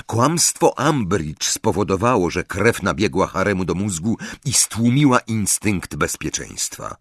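A man's voice: lowish voice, breathy edge, no echo, clean studio sound. A man narrating an audiobook in a dramatic, varied storytelling manner. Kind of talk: scripted narration.

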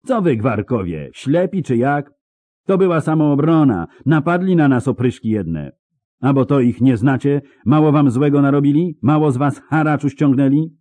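A man voicing a fierce, sharp-tongued young woman fighter with brash, scolding retorts in an audiobook. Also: medium pitch, expressive, unhurried, hardly any pauses, no room sound, voice pushed up. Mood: defiant.

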